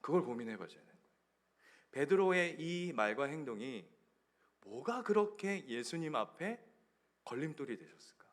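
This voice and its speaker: A male pastor delivers an animated sermon and keeps putting questions to his congregation. His voice sits high and moves through a wide, lively range. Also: normal speed, pauses often.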